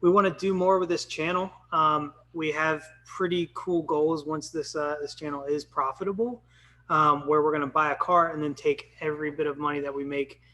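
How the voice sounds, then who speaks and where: Bright, upbeat man hosting a podcast. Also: on the high side, fairly even intonation, normal speed. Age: 30s. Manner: upbeat, chatty, lots of ums. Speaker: podcast host. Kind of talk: casual live-stream podcast chat.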